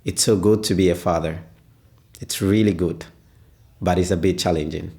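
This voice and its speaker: A man, answering interview questions as a father, pausing often and searching for words. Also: deep voice, steady tone, creaky, mellow. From Ghana. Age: 20s. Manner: hesitant, pauses often with "uh".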